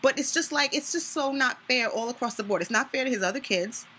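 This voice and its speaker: Blunt, bright-voiced woman hosting a chat. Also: high-pitched, fairly quick, a little hiss or hum. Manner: blunt, animated, opinionated. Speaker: podcast host. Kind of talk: casual chat.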